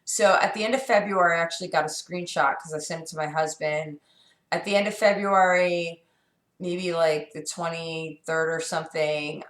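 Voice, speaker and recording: This middle-aged woman from New York has a deep, bright, forceful voice made scratchy by a sore throat. She's a vlogger rambling candidly in a casual video, often using fillers and restarting sentences, and the room echoes.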